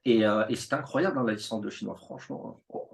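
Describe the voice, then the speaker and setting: A man in his thirties, a teacher telling his school story in a relaxed interview, animated and full of fillers and restarts. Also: on the low side, fast talker, creaky. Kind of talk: casual conversational interview.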